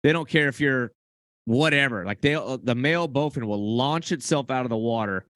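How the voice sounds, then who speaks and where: A man hosts a podcast in a relaxed, chatty way, with a voice of middling pitch. The sound is dry and close, with no room echo. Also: moderate pace. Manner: relaxed, laughs along, chatty. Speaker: podcast host. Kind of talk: casual conversation.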